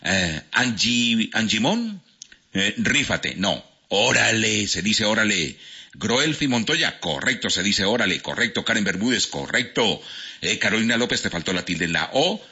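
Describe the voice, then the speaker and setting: A man's voice: lowish voice, very animated, normal speed, pushed and bright, slightly rough. A man with a Cali Colombian accent hosting a radio quiz in a playful, casual way, reading out listener answers and poking fun at himself. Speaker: radio host. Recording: dull lo-fi radio sound with faint music.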